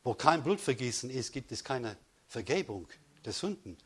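Husky man preaching with emphatic force. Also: mid-range voice, sing-song, normal speed. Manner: emphatic preaching with repeated praise calls, swinging between loud and hushed. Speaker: pastor. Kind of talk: sermon.

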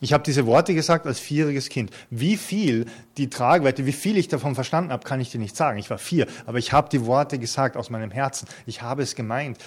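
A man in his fifties preaching an earnest, conversational sermon to a congregation, with touches of light humor. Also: medium pitch. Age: 50s. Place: church hall before a congregation.

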